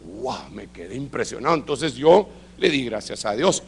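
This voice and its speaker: A middle-aged man preaching, telling a testimony with lively acted-out dialogue. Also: medium pitch, moderate pace, creaky, a little hiss or hum. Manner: animated storytelling, acting out quoted dialogue. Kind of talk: sermon testimony. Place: church service.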